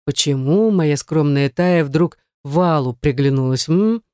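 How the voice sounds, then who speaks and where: A woman's voice: low voice, a little slow, a little mellow, smooth, no room sound. Brief: menacing young ex-boyfriend, icy, taunting, read by a woman narrator, audiobook, dry. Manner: icy, contemptuous, threatening.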